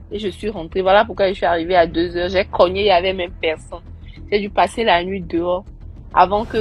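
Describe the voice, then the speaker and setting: Young woman, casual storytelling, acts out quoted voices, faint music behind. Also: mid-range voice. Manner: animated, acting out quoted voices. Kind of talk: personal story told casually.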